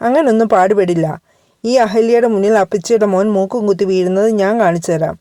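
A woman's voice: medium pitch, fast talker, warm tone, no echo, studio quality, close to an everyday voice. A woman voicing a playful young woman who talks in a teasing way.

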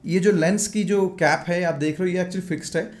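Brisk and high-pitched with a steady tone, this Indian-accented man in his thirties is a moto vlogger casually reviewing action cameras. Sitting in his home gaming room with a large foam mic on the desk before him, he mixes Hindi and English. He shows off the gear while chatting.

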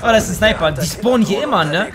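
A young man commenting on a shooter game as he plays, slangy and swearing, with excitable outbursts. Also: sits high, quick pace, noisy background. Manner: slangy, swears and trash-talks. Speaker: let's play host. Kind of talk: casual gameplay commentary.

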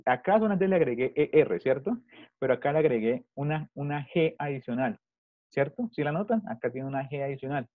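A man's voice: medium pitch, lively intonation, a little fast, no echo. Patient male teacher on a muffled call. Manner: patient, repeats questions to pupils. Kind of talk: online English class taught in Spanish. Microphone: video call.

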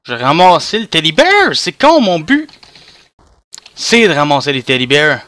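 A young man with a Quebec French accent comments on a horror game. He is a jumpy, panicking gamer given to curses and exclamations, in a somewhat high voice with unhurried pacing. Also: sing-song, pushed and bright, no room sound. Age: young adult.

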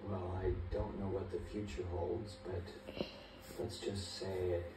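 A man's voice: low-pitched, monotone, measured pace, heavy background noise. A man playing a grave, formal school principal in a comedy skit. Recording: distant TV playback, echoey room, music behind.

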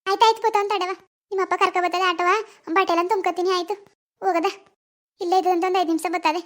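A woman's voice: extremely high pitch, steady tone, rapid-fire, fairly bright tone. A woman voicing an anxious village mother in a cartoon, soothing and fussing. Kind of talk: cartoon voice acting.

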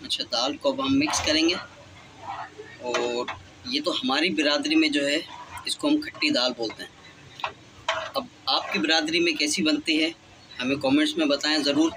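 Man, home cook host, casual step-by-step talk, slightly high voice, noisy kitchen background. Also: steady tone, moderate pace, long pauses. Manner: chatty, plain explaining with frequent filler phrases. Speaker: home cooking channel host. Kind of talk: casual step-by-step cooking instructions.

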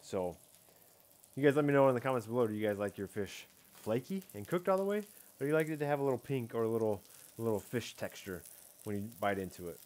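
Expressive and fast-talking, a man in his thirties with a mid-range, darkish voice chats through a fish tasting on an outdoor patio at night. It's a casual catch-and-cook vlog from a fishing vlogger, filmed on a head-mounted camera, full of laid-back rambling and hedges like "I don't know" and "like".

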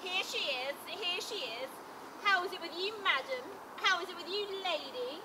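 A woman's voice: very high-pitched, normal speed. A woman on an open-air stage playing a sly, teasing servant who comments with wry amusement. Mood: coaxing. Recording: outdoor recording with traffic noise.

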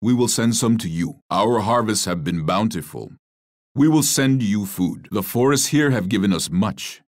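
An actor playing a proud, solemn, stern war chief in a strategy video game, speaking in a measured, formal, grave way. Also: male voice, lowish voice, lively intonation, no room sound, clean studio sound. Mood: stern, commanding. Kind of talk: scripted strategy game voice lines.

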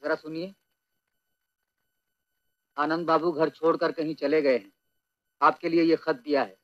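A polite male messenger, played by a man, speaking in a slightly high, flat voice. The old film sound is dull. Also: measured pace, lightly acted.

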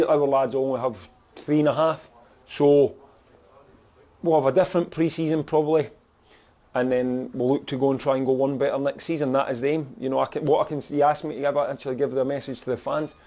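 A Scottish man speaks plainly as a football manager in a post-match interview. His voice is dark and mellow, and he talks in a frank, direct way with lots of "you know". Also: mid-range voice, fairly even intonation, fairly quick.

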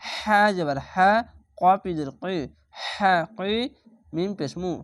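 A man's voice: high-pitched, slow pace, no room sound, studio quality. Male Quran teacher spelling syllables. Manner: spells each letter and syllable, then drawls the joined word. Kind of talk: spelling-out Quran recitation lesson.

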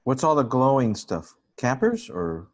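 A man's voice: mid-range voice, wildly swooping pitch, a little slow. A man hosting a casual video call chat, effusive and enthusiastic, often searching for words. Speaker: host interviewing a photographer.

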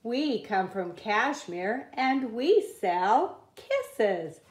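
A woman reading a children's picture book aloud at a table, in a slow, careful read-aloud cadence. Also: a little high, sing-song, reverberant. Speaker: reader. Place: indoors at a wooden table.

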